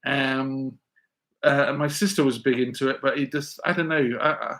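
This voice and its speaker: A man's voice: medium pitch, steady tone, normal speed, a bit bright. A man answering viewers' exam questions on a live stream, rambling with many stammered restarts and reading chat messages aloud. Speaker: physics teacher hosting a live Q&A.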